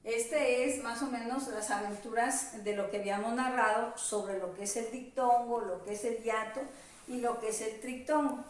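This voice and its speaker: A woman teacher giving a virtual class, spelling out examples slowly and carefully. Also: a little high, steady tone, far from the mic. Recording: echoey room, voice off-mic.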